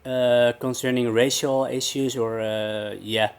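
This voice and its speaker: A man in his thirties, born in the Netherlands, answering interview questions hesitantly with many pauses. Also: medium pitch, clear, resonant tone. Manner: hesitant, many fillers, flat delivery. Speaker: guest, personal trainer. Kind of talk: casual interview.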